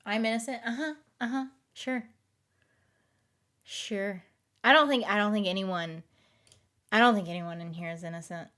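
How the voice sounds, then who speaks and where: A live streamer with a mid-range, slightly bright voice speaks at normal speed but pauses often. Talking to her viewers in a light Southern accent, she's rambling and giggly, restarting herself and overthinking things out loud.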